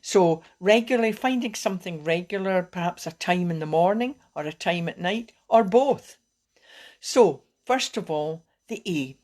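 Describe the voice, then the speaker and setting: Speaking at a normal pace with a fairly low-pitched voice, a female wellbeing coach leads calming techniques over live video. She's gentle and encouraging, frequently starting her sentences over.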